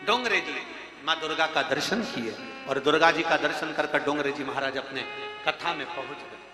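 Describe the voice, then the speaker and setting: A man telling a devotional story as a religious storyteller in a live sermon. He builds repeated lines into loud, emphatic refrains. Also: a little high, normal speed. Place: large hall, live religious gathering. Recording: echoey hall with music behind.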